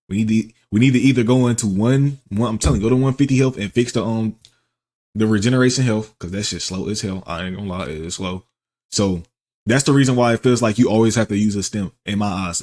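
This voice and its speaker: A man's voice: on the low side, a little mellow. A man giving casual, off-the-cuff gaming reactions in slangy, repetitive, stop-and-start phrases.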